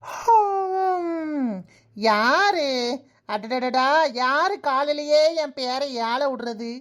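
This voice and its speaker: A woman with a high, slow, fairly bright voice plays a cheeky, lazy young daughter-in-law in a comic cartoon. Her character is sassy and sarcastic, often talks to herself, and has a Kanyakumari Tamil accent.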